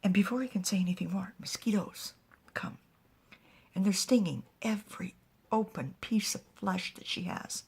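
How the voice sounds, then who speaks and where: Husky, breathy woman storyteller. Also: mid-range voice, moderate pace. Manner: animated, often dropping to a whisper. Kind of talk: spoken fantasy storytelling.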